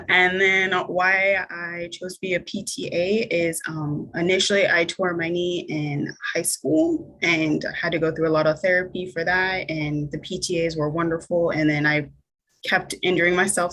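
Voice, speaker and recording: This is a friendly young woman from Las Vegas. Her voice is a little low, and she talks quickly, with small giggles. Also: a bit bright, rough recording. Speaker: new student.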